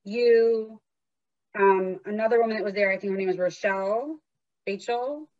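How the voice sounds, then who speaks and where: Animated woman telling stories, dull dry sound. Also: mid-range voice, normal speed, dry recording. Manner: lively, animated, acts out inner voices. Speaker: guest author and recovery worker. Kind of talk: candid conversational storytelling.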